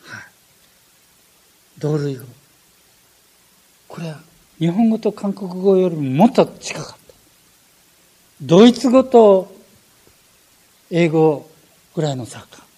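An older man preaching a sermon, animated, with frequent fillers and self-corrections. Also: fairly high pitch, slightly rough.

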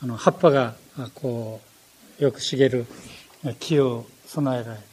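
An older man preaching a sermon, animated, with frequent fillers and self-corrections. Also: medium pitch, moderate pace, breathy edge.

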